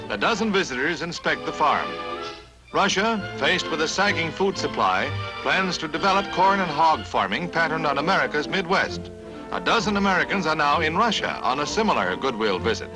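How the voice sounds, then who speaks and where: A man voices a 1950s newsreel in a dramatic, punchy announcer style, his voice sitting on the higher side. He tosses in wry one-liners between the stories. A strong music bed plays clearly under his voice. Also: very animated, normal speed, rough recording. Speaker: newsreel narrator.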